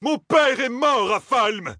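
A man voicing a furious young officer who rants and shouts accusations, in a husky voice for an audiobook. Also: high voice, big pitch swings, slow pace, no room sound, studio quality, pitched above the performer's own voice, full character voice. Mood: enraged. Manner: shouting, ranting. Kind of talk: audiobook character voice.

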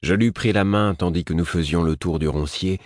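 A man reading a novel aloud in a soft, slow, intimate way. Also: low-pitched, no echo, clean studio sound. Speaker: audiobook narrator. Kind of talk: scripted narration.

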